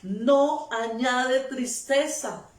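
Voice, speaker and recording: A woman preaches a sermon in an unhurried, deliberate way, pressing each point with repeated phrases and amens. Her voice sits high. The recording picks her up from some distance in a room with a noticeable echo. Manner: emphatic, repetitive, calls of amen.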